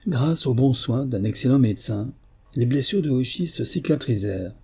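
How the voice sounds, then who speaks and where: Brief: male audiobook narrator, measured and mellow, slightly breathy voice. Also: mid-range voice, lively intonation. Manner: measured storytelling delivery. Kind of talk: scripted narration.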